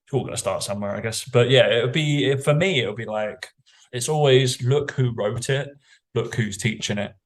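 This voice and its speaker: A man's voice: medium pitch, brisk. A British man, a fitness coach, chatting casually on a podcast in a blunt, sweary, rambling way.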